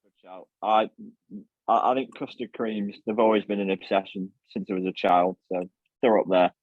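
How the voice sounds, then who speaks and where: A man's voice: lowish voice, fairly even intonation, normal speed, dry recording, phone-quality sound. A man guesting on a casual podcast, easygoing and self-mocking, often restarting his words. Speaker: band member guest.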